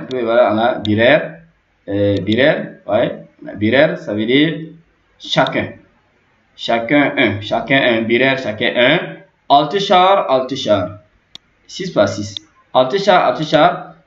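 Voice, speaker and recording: A man at a middle pitch teaches a language lesson, saying each example word again and again and checking in with "ok" between them. His voice sounds roomy and echoing, and the recording is muffled and lo-fi. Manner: repeats words over and over, many fillers and "ok". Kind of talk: repetitive spoken lesson. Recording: echoey lo-fi room recording.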